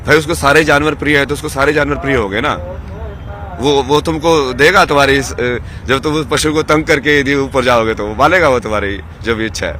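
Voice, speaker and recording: A man's voice: mid-range voice, brisk, slight background noise. A man giving rambling, impassioned answers in an outdoor interview, firing rhetorical questions. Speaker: interviewee, wandering ascetic. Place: outdoors at a busy festival ground. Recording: outdoor recording with loud crowd.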